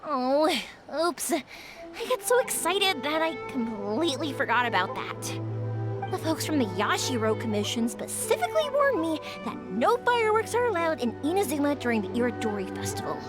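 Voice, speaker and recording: A young, enthusiastic woman from a video game. Her voice is high and very lively, kind and bubbly, with clear music behind it. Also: normal speed. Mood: sheepish. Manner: bubbly, expressive. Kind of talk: animated video game voice acting.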